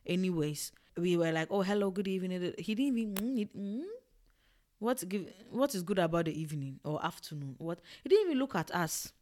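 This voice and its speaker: A young woman from Ghana and Togo, telling a personal story in a casual vlog, animated and repetitive. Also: lowish voice, fairly quick.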